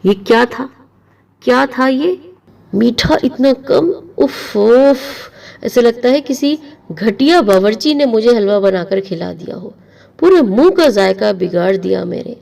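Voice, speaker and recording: A woman's voice: fairly high pitch, lively intonation, creaky, darkish tone, far from the mic. A woman voicing a harsh, scornful middle-aged aunt who scolds and accuses her niece.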